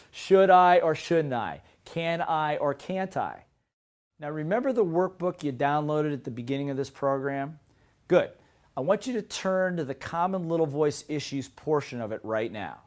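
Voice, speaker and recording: A middle-aged man delivers a motivational seminar talk in a slightly high voice. He speaks with lively energy and keeps asking his listeners rhetorical questions. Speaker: seminar presenter.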